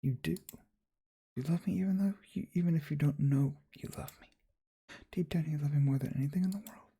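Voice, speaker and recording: A man voicing an obsessive young woman nurse in a soft, cooing whispered role-play. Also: on the high side, brisk, slightly rough. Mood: menacing. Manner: cooing, possessive.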